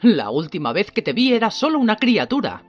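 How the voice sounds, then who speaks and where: A towering shaggy giant with a gruff, hearty, blunt way of talking, which a woman acts out in a reading. His voice has an altered, roughened timbre and swoops wildly from low rumbles to high bursts. The storybook recording sounds slightly dull. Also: very animated, fairly quick, faint music behind. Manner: blunt, hearty, swings widely in pitch. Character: huge gruff shaggy man, rough but kindly.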